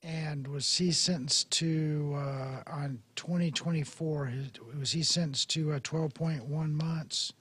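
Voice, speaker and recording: A male judge with a raspy voice that is giving out, running court proceedings in a formal, procedural way. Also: on the high side, steady tone, slow pace, hardly any pauses, a bit bright. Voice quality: raspy, husky. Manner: procedural, reading out case details in clipped phrases. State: losing his voice, throat-clearing. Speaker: judge presiding over court hearing.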